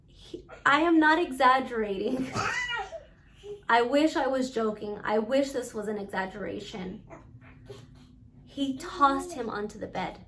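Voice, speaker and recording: Woman vlogger, slow halting personal storytelling, fairly high voice. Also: fairly bright tone, slight background noise. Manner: halting, pausing often, earnest. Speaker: vlogger recounting her own experience.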